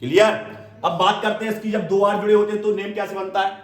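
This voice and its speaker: Male chemistry teacher, classroom lecture, keeps checking "clear?", high voice in a roomy hall. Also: flat delivery, fast talker. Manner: repeats key terms and checks understanding with "clear?"; addresses students fondly as "beta". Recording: echoey room, voice from a distance.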